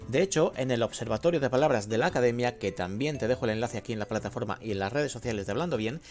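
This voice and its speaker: A man hosting a language lesson podcast, explaining in a lively, teacherly way. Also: medium pitch, quick pace, soft background music. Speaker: host.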